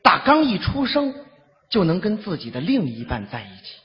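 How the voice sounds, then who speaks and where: A man performing stage crosstalk, telling a comic story in an animated, boastful way. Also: sits high, moderate pace, slight background noise. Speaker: lead crosstalk comedian. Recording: dull, hall-reverberant stage recording.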